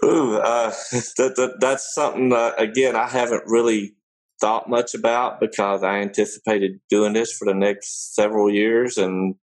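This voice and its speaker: A middle-aged small business owner from Germany answers interview questions hesitantly, with many fillers and restarts. His voice is fairly low in pitch, and the audio quality is poor.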